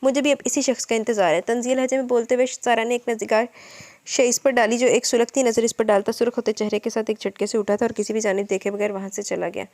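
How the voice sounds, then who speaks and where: A woman reading a romance novel aloud as narrator, in one steady, rapid flow. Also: on the high side.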